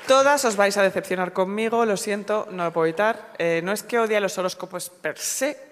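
A woman's voice: mid-range voice, noisy background. A young woman from co-hosting a podcast, ranting sarcastically and laughing often in casual chat. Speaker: podcast co-host. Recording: long hall reverb.

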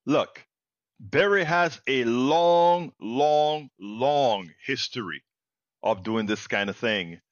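A man hosting opinionated news commentary, repeating key phrases with deliberate emphasis. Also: medium pitch, lively intonation, no room sound, highs cut off. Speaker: host of political commentary show.

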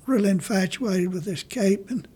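Husky, mellow-voiced older man. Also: high-pitched. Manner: rambling, halting storyteller. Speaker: artist guest. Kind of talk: casual interview talk.

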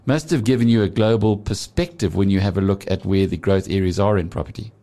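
A man's voice: sits low, fairly quick, dark tone. A man hosting a business show, asking long conversational leading questions. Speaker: radio show host. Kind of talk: business interview.

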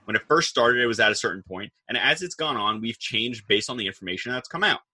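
A man with a bright, husky voice hosts a political talk show. He talks in an animated, casual way and slips into quoted voices when he retells arguments. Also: mid-range voice, quick pace. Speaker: show host.

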